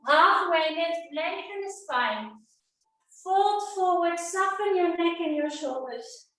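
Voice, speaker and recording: A woman's voice: extremely high pitch, expressive, slow pace, a bit bright. A woman leading an online yoga workout, counting reps and calling cues while she exercises, a little out of breath. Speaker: yoga teacher. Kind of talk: live online workout class instruction. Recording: roomy, distant sound.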